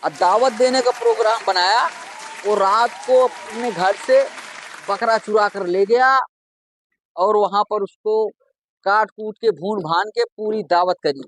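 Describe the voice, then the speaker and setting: A man, a stand-up comedian, telling jokes to a judge in a chatty storytelling way, slowing down for the punchlines. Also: high-pitched, a faint crowd, slight background noise. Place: TV comedy stage with audience.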